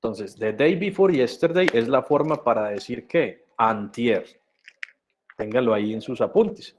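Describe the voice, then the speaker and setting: A male teacher runs an English lesson over a video call. He talks slowly and patiently, with a mid-range voice. He switches between English and Spanish as he explains. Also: mid-range voice, animated, a little hiss or hum. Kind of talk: online class, bilingual teaching. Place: video conference.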